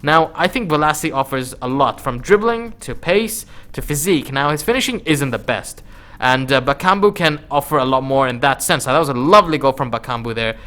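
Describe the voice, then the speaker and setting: A man hosts a gaming video with casual commentary. He speaks at a medium pitch in an informal, slangy way. His delivery is conversational, as if chatting to regular viewers while reviewing gameplay. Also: expressive, fairly quick, pushed and bright.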